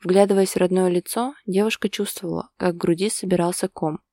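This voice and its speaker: Brief: calm female storyteller, dark mellow tone, dry close mic. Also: on the low side, brisk, no echo. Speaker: narrator. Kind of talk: scripted story narration.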